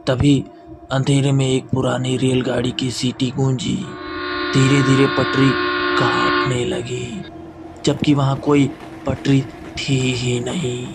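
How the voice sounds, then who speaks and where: A man narrating a scripted horror story in slow, steady, suspenseful storytelling. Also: medium pitch. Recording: music underneath.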